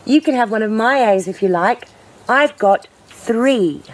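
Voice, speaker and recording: A woman voicing a generous storybook aardvark, unhurried and kindly, close to her own everyday voice. Each word is given time. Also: fairly high pitch, animated, a little hiss or hum, low-quality recording.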